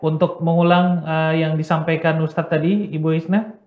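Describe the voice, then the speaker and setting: Encouraging Indonesian host of a call-in lesson. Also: male voice, fairly high pitch, level tone, moderate pace, echoey room, phone-quality sound. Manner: friendly and encouraging, gives gentle instructions. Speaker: program host. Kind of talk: live call-in show hosting.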